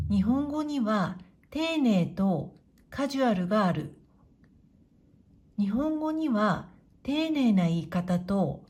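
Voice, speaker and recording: A woman teaching Japanese to beginners in a clear, patient way, modeling pronunciation slowly and encouraging learners. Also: mid-range voice, warm tone. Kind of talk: slow, clear explanatory lesson.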